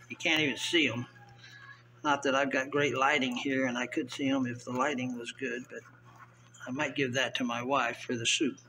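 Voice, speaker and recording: An older man talks his way through filleting fish, thinking out loud in an easygoing way. His voice is bright and a little forceful. A faint hiss of room noise sits under the camera-mic sound. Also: medium pitch, low-quality recording. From US South. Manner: relaxed, chatty, thinking aloud while filleting fish. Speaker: vlogger. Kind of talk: casual how-to narration. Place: indoor tiled kitchen counter.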